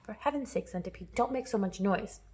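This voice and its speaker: A woman's voice: on the high side, steady tone, fairly quick, close to an everyday voice. A woman voicing an earnest, watchful young boy in a storybook, cautious and urgent. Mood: hushed. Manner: soft-spoken, urgent.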